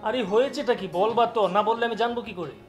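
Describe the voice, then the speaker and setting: A man's voice: very high voice, rapid-fire, soft background music. An actor playing a younger son who soothes his wife and urges his brother to act. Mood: reassuring. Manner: coaxing, reassuring. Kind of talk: village TV drama acting.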